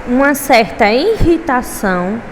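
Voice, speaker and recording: A woman's voice: a little high, big pitch swings, measured pace. A woman teacher with a Brazilian Portuguese accent, giving a recorded lesson to pupils, patient and often checking in with them. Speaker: primary school teacher. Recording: echoey room with faint traffic noise.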